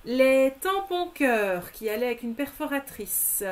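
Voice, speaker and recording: A woman's voice: high-pitched, lively intonation, unhurried. A woman presenting craft products in a live stream, methodically listing discounts and prices and speaking familiarly to her viewers.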